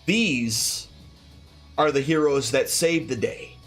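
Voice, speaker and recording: A man's voice: mid-range voice, slow, fairly bright tone, soft background music. A man voicing a courtly male noble who speaks formally in a tabletop game. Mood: gracious. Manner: formal, gracious.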